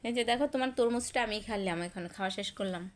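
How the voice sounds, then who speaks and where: A young mother talking casually in a home vlog, gently coaxing her sleepy daughter awake in a sing-song way and calling her name again and again. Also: medium pitch, rapid-fire. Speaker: vlogger, mother.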